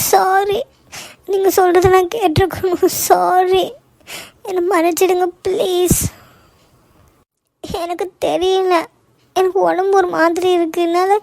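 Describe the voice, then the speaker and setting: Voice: very high-pitched, a little mellow, no room sound. A performer voicing a frightened, dazed young woman in a cartoon who pleads and apologizes through sobs. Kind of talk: cartoon voice acting.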